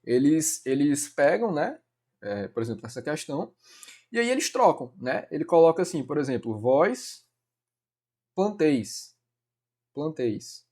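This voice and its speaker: Fairly high and dark, with big pitch swings and a breathy edge, this man's voice moves at a normal speed. He has a Brazilian Portuguese accent and is giving a casual Portuguese grammar lesson for an exam, sprinkling in lots of "né" and addressing students as "cara" and "galera".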